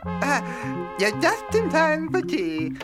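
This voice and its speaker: A dotty, genteel tea-serving lady with a high, swooping voice. She speaks slowly in a fluttery, hesitant, obliviously polite way, in a comic audio drama with music behind her. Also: huge pitch swings, full character voice.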